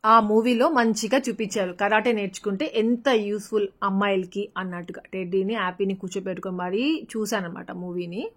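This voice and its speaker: A woman's voice: medium pitch, fairly quick, few pauses, fairly bright tone. A woman vlogger with a Rayalaseema Telugu accent, narrating her family's day in a chatty, casual way with English words mixed in. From Rayalaseema, Andhra Pradesh.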